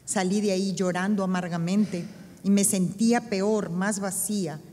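On a church stage, facing an audience, a middle-aged woman from Peru earnestly reads her own testimony through a stand microphone, speaking with a Peruvian Spanish accent. The voice is mid-range, warm and steady at a normal speed, wrapped in the long reverb of a large church hall.

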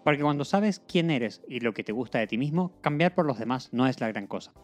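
Calm deadpan young guy, read by a man in his own voice. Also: mid-range voice, brisk, soft background music, lightly acted. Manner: deadpan, matter-of-fact.

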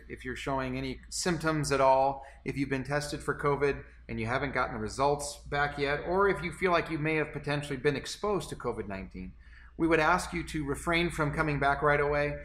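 Man, 40s, pastor, earnest announcement, bright forceful tone, seated indoors. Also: mid-range voice, slight background noise. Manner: earnest, gestures a lot, repeats words when restarting. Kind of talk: church announcement to camera. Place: small indoor room, seated in armchair.

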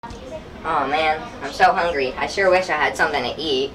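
A woman's voice: sits low, normal speed, a bit bright, poor audio. A woman playing a gullible hungry customer in a homemade comedy skit, reacting in an exaggerated, goofy way.

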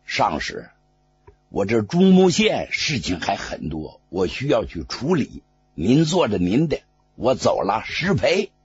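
A storyteller voicing a cool-headed, quietly scornful male general who speaks low, calm and curt, with a raspy voice. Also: unhurried, faint music behind, heavily acted. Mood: soothing, coldly polite. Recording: dull lo-fi recording.

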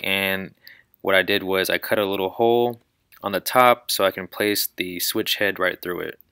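A man narrates his own do-it-yourself project with a lower, bright, forward voice. He explains each step in an upbeat, organized way. The sound is dry and close. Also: clean tone, no room sound. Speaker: channel host. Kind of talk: DIY how-to walkthrough.

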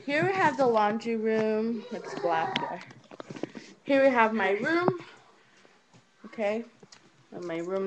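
A young vlogger, somewhere between her teens and young adulthood, gives a casual, rambling tour of the rooms of her small house. She's informal and a little hesitant as she goes, carrying a handheld webcam around. The webcam audio is noisy and low-quality.

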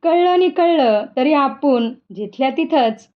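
A woman's voice: sits high, animated, a little slow. A woman voicing a simple, worried village farmer in rustic speech, in a dull lo-fi recording.

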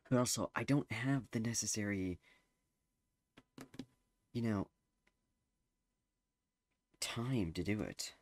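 Low-voiced teen guy rambling over gameplay. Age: teens. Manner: rambling, hesitant, full of fillers. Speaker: gameplay streamer. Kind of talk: casual gameplay commentary.

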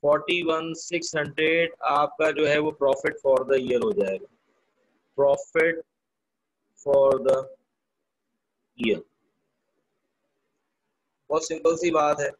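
Male teacher, higher voice, online class, walks through sums step by step and quizzes students. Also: normal speed, few pauses, rough recording. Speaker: accounting teacher. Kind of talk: online accounting lesson.

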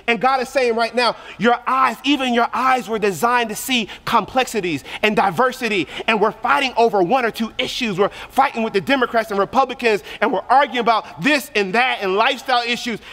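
Youth pastor, man, high and bright tone, driving sermon delivery with heavy repetition, church hall reverb. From Korea. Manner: passionate preaching, repeats phrases for emphasis.

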